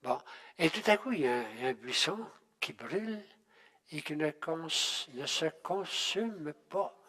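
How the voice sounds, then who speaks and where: An older man teaching a Bible class in a halting, conversational way, often restarting and checking in with his listeners. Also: on the high side, expressive, sharp tone. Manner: halting, with many restarts and tag questions. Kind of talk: unscripted Bible class talk.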